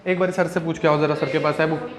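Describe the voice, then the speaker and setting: A man's voice: on the high side, steady tone, fast talker, crowd noise. A male teacher giving a classroom lecture in a conversational way, often checking in with his students.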